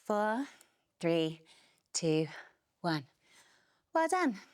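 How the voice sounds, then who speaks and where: A woman's voice: mid-range voice, big pitch swings, drawn-out words, no room sound, clean studio sound. A young adult woman leading a barre workout class, energetically counting reps and cueing moves while a little out of breath. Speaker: fitness instructor.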